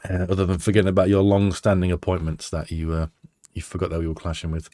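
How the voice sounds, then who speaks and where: A man hosts a casual podcast in a deep, warm, monotone voice, talking fast. He's chatty and self-deprecating, and his nose sounds a little stuffy from a cold. The audio is clean studio sound with no room noise.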